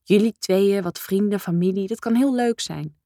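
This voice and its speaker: A woman voicing a chatty middle-aged mother in an audiobook, talking briskly and sociably at the dinner table. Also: mid-range voice, warm tone, no echo, clean studio sound, lightly acted. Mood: sociable.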